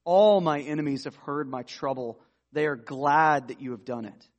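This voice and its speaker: Man, sermon teaching, somewhat higher voice, earnest, explains verse by verse. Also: moderate pace. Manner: earnest and explanatory, reads scripture aloud. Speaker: pastor.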